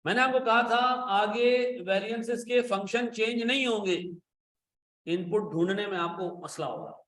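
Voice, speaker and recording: A man giving an accounting lecture, animated and coaxing, pressing his students with repeated questions and playful scolding. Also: high voice, moderate pace, echoey room. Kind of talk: classroom lecture.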